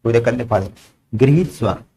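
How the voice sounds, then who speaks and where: A man's voice: mid-range voice, brisk, mellow, husky. A man teaching a grammar lesson to a class, asking the students questions and repeating their answers back. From India.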